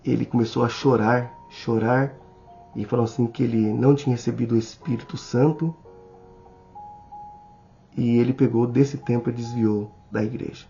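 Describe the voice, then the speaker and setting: Brazilian guy teaching the bible slow, low mellow gravelly voice, kinda dull recording w faint music under. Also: fairly even intonation. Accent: Brazilian Portuguese. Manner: slow and deliberate, addressing the listener directly. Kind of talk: sermon-style Bible study.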